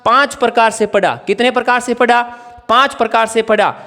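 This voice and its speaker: High-voiced man teaching a grammar lesson. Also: fairly even intonation, fairly quick, bright, forceful tone, in a large hall. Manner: repeats questions and answers them himself; writes on a board while explaining. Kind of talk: exam-prep grammar lesson.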